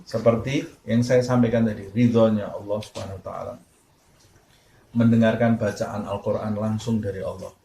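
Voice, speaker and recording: A man's voice: on the low side, steady tone, moderate pace, creaky, mellow. A man giving a sermon of Quran commentary, telling a story with Arabic quotes and rhetorical questions. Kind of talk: tafsir sermon. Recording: echoey room with faint background noise.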